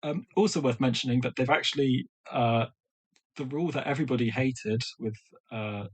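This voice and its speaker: A man co-hosting a sports podcast, talking in a measured, hedging way about the events. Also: mid-range voice, breathy edge. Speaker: podcast co-host. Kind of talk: casual sports podcast chat.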